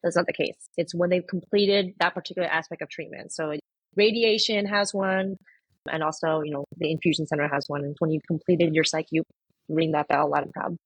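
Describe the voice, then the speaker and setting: A woman's voice: low voice, fairly even intonation, a little fast, husky, no room sound. A woman, an oncology nurse, telling stories in a chatty way with many fillers on a podcast. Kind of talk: casual podcast chat.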